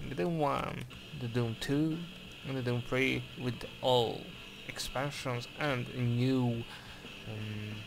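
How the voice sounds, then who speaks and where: Background noise accompanies a gravelly, mid-range male voice narrating game footage. The speaker, a reviewer from Hungary, uses careful English with a Hungarian accent, hesitating often and restarting his sentences amid many fillers.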